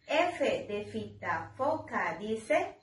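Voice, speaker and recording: A woman preschool teacher, giving an online lesson, slowly sounding out letters and syllables in a sing-song way for children and their mothers at home. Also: a little high, sing-song, a little hiss or hum.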